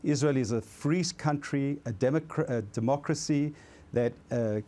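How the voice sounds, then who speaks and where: A man from South Africa, founder of an advocacy group, arguing forcefully and categorically in a debate. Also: medium pitch, normal speed. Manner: forceful, categorical, stumbling at times. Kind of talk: studio debate.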